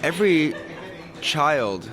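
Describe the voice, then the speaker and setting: A man from Los Angeles, a podcast guest, talking in an animated, casual way with many restarts. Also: on the high side, takes it slowly, crowd noise. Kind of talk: casual interview chat.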